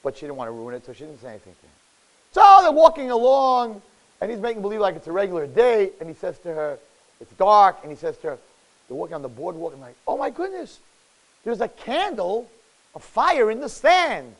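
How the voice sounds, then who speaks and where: A rabbi from New York preaches in an animated, storytelling way, his fairly high voice leaping all over the place. He swings from loud exclamations down to near-whispered asides and acts out the people in his stories. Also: fast talker, poor audio. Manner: dramatic swings between loud outbursts and hushed asides; expressive, acts out characters' words.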